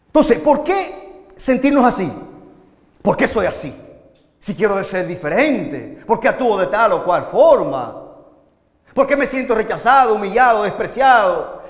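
An animated preacher from the Dominican Republic, his voice sitting high, addresses young people in a live sermon. He alternates between loud and soft and leans on rhetorical questions. The hall is echoey, with a long reverb.

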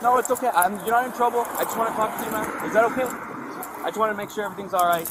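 A police officer speaking in a calm, reassuring and polite way. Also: male voice, high voice, rapid-fire. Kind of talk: bodycam conversation. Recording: bodycam mic, noisy outdoors.

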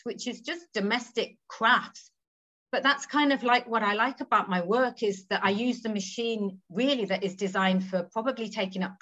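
A woman's mid-range, slightly bright voice comes through slightly dull video-call audio as she chats thoughtfully as an interview guest. She's a textile artist from England in her 40s, sitting in a home room with green walls, and she drifts into trailing asides with tag questions.

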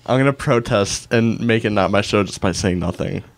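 A man's voice: lowish voice, normal speed, gravelly, no echo. Shy young man in a dry room. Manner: shy, self-deprecating. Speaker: guest co-host. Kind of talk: casual chat.

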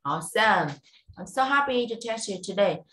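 A woman teaching English over a video call, giving a speaking test and prompting slowly and clearly with encouragement. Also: mid-range voice, lively intonation, bright, forceful tone. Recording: roomy echo.

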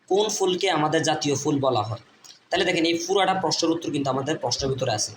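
A man with a slightly high voice, speaking with a Bangladeshi accent, slowly spells out English words for young learners. He says each letter and each syllable, then repeats them again and again, like a patient classroom drill. The recording sounds echoey, with faint room noise behind him. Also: lively intonation. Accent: Bangladeshi Bengali. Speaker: English teacher. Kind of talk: spelling-out reading lesson.

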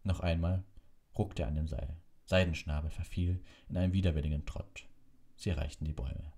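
Deep dark husky guy narrating an audiobook, steady storytelling. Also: fairly quick.

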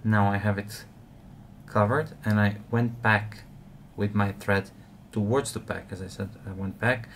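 A low-voiced man narrates a step-by-step fly tying tutorial, speaking a little slowly with frequent "uh" fillers. His manner is relaxed and explanatory, and there's slight background noise.

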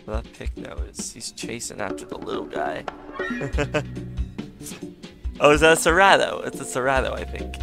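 A gaming YouTuber with a raspy voice, hoarse from illness, chats through casual gameplay commentary at medium pitch and normal speed. He laughs a lot and breaks into sudden excited outbursts, all over loud music.

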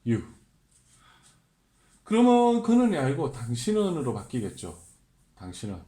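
A man teaching a beginner English grammar lesson, explaining slowly, asking the viewer questions and drilling example sentences in a deliberate voice. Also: medium pitch, wildly swooping pitch, dark tone, reverberant.

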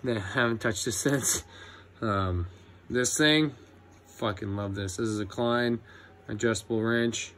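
A young man, an electrician apprentice, showing his tools in a casual vlog, relaxed and cussing freely with lots of ums. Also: fairly low pitch, measured pace. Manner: laid-back, swears a lot, many ums. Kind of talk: casual tool review vlog.

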